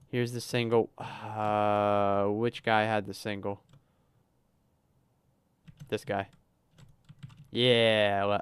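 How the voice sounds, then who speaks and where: A man's voice: lowish voice, clear, resonant tone, dry recording. A man livestreaming a cooking game, chatting casually as he plays, narrating his moves and reading chat aloud. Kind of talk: casual gameplay livestream commentary.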